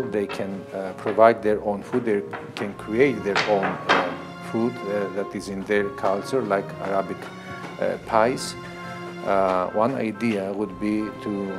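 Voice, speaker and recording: A man speaks thoughtfully in a documentary interview, pausing on fillers. His voice sits fairly low. Clear music plays behind him.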